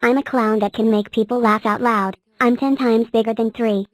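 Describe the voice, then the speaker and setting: A woman voicing a gentle young cartoon number character in a fan cartoon, speaking softly and earnestly. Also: fairly high pitch, steady tone, normal speed, no room sound, lightly acted.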